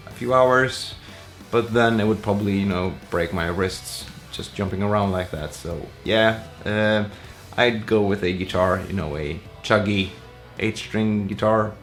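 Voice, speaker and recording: A man, a musician, answering viewer questions in a relaxed, rambling way full of fillers. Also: on the low side. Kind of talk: casual Q&A vlog.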